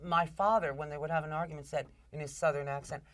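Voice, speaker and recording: Brief: woman host, slightly low voice, blunt and chatty. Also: steady tone, quick pace. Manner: frank, salty asides. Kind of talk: casual interview chat.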